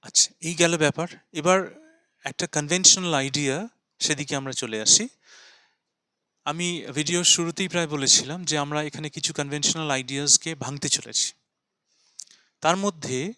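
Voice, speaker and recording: Man, English teacher, bright tense voice, fairly high pitch, dry close sound, slow deliberate English examples. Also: no echo. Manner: explains in Bengali, reads English lines slowly and deliberately; asks and answers his own questions. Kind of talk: video lesson explaining writing.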